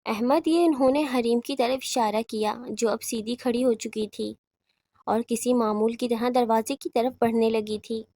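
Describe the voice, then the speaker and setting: A woman's voice: fairly high pitch, steady tone, warm tone, no echo. Woman narrating a horror audiobook.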